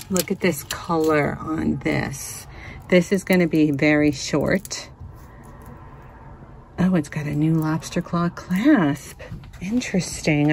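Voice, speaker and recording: Slow, gravelly-voiced woman thrifting. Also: deep voice, slight background noise. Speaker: vintage reseller vlogger. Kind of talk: casual thrifting narration. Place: inside a cluttered antique store.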